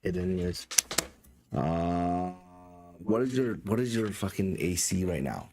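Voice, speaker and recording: A man's voice: deep voice, animated, unhurried, noisy background. A man running a tabletop game as dungeon master, narrating in a casual, stop-start way with frequent swearing.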